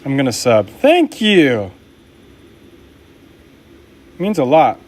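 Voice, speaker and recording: A young man chats with his live-stream viewers in an easygoing, upbeat way as he works at his knife bench. His voice sits in a middle pitch, relaxed and friendly, with plenty of offhand slang. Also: takes it slowly. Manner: upbeat, laid-back, talks to chat while crafting. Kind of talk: casual live-stream chat while working.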